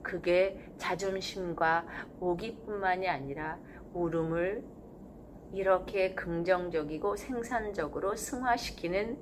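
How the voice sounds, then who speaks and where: A woman hosting her channel, talking in a calm, measured, reflective way with thoughtful pauses and gentle self-corrections. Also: fairly low pitch, noisy background. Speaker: channel host. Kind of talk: reflective spoken essay.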